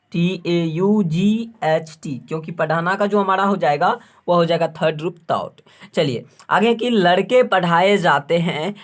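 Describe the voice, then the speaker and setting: A male English grammar teacher giving a tutorial lesson. He repeats each phrase, asks and answers his own questions, and spells words letter by letter. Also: high-pitched.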